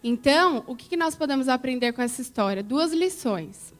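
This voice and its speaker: Lady telling the kids a church story, fairly high voice, keeps asking them questions. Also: animated, normal speed, soft background music. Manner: coaxing, asks children questions. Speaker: children's story teacher at church.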